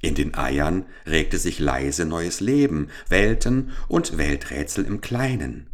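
A man narrating a children's story in a calm, measured, gently ironic way. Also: extremely low pitch.

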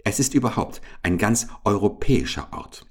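A man voicing a pompous, officious marabou stork who lectures like a medical official, raising his voice higher than his own. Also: animated, normal speed, breathy edge.

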